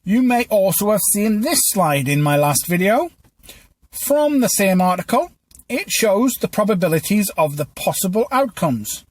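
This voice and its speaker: A man's voice: high-pitched, very animated, a little slow, no echo. A man hosting a news commentary podcast, reading from a script in a stilted, teleprompter-like way with small stumbles. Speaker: podcast host.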